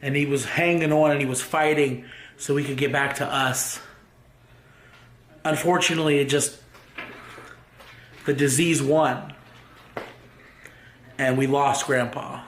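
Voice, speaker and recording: A young man speaking on his vlog in a halting, emotional way, fighting back tears. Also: mid-range voice, steady tone, a bit bright, a little hiss or hum. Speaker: vlogger. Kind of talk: grieving personal vlog. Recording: roomy echo with faint ambience.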